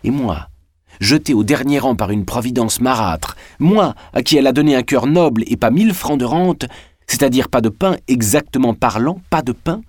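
A man's voice: mid-range voice, expressive, moderate pace, dry recording, studio quality, pitched above the performer's own voice, natural voice. A man voicing a proud, ambitious young man of peasant birth in an audiobook reading. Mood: proud, bitter.

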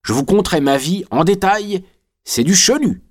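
A man's voice: sits high, expressive, moderate pace, pitched above the performer's own voice. A man voicing a cheerful, cunning convict in an audiobook, speaking in a sly, boastful way.

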